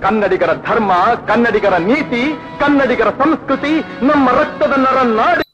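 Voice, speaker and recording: An actor playing a proud heroic warrior declaiming loudly. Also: male voice, extremely high pitch, expressive, unhurried, music in the background. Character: proud heroic adult male warrior speaking. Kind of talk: film dialogue. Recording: dull lo-fi film audio.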